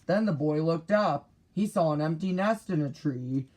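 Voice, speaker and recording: A man reading a children's picture book aloud, deliberate and expressive. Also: a little high. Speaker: storybook reader.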